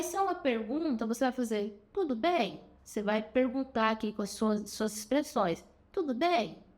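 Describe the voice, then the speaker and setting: A woman's voice: fairly high pitch, a little mellow. A woman teaching a sign language lesson step by step, patiently repeating words as she demonstrates.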